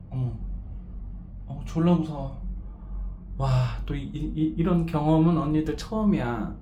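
A woman's voice: sits low, dark tone, echoey room. A woman talks into her handheld phone inside a small cable car cabin, her voice bouncing around the enclosed space. She is frightened throughout, gasping exclamations and swearing constantly while she keeps describing the view. There is a faint hum of noise behind her. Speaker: travel vlogger. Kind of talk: casual self-filmed commentary. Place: inside a glass-floored sea cable car cabin, alone. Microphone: handheld phone camera.

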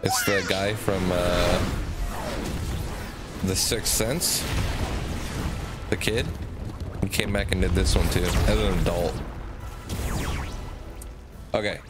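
A man's voice: low-pitched, lively intonation, takes it slowly, long pauses, very noisy. A man giving casual, slangy, foul-mouthed commentary as he streams a video game. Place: indoor room, webcam stream. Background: game music.

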